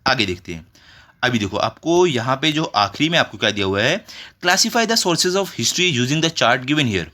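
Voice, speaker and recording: An Indian school tutor teaches children in a bright, forceful voice at an average male pitch, unhurried and with big swings in pitch. He goes step by step, reading from the textbook and translating as he explains. Rhetorical questions and short check phrases come up often.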